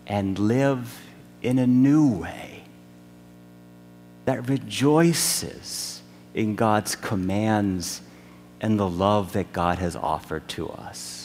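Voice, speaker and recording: A man preaching a sermon as pastor in a church sanctuary, measured and deliberate with long pauses. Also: fairly low pitch, darkish tone, faint music behind. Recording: long reverb of a large church.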